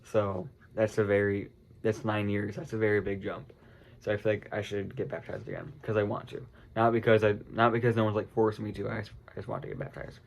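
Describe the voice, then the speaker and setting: A fairly low, creaky voice with fairly even intonation moves at a fairly quick clip. The speaker is a congested teenage vlogger from the United States chatting to camera, meandering through his thoughts with plenty of "um" and "like" and frequent self-corrections.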